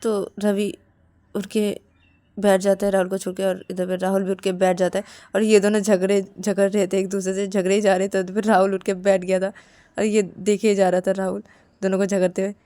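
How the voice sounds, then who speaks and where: A woman's voice: medium pitch, little pitch movement, a little fast, dark tone. A woman telling a romantic story in a casual, spoken way, stringing the events together with the same linking words again and again. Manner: strings events with repeated connectors.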